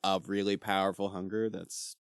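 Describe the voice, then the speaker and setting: A man's voice: low-pitched, moderate pace, smooth, no echo, clean studio sound. A man co-hosting a casual book club podcast, acting out quotes from the book as he talks. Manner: animated, acts out quotes from the book. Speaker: podcast co-host.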